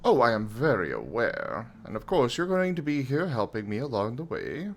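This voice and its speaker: A man's voice: mid-range voice, moderate pace, soft background music. A man playing a cocky, theatrical mage leading a ritual in a tabletop game, with a showy manner. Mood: confident. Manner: showy, animated.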